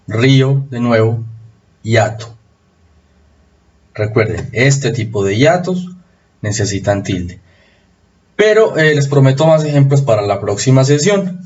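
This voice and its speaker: Guy teaching spelling, goes slow and repeats the rules, kinda muffled recording. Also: mid-range voice, a little mellow. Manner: explanatory, repeats rules slowly with emphasis. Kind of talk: recorded online lesson.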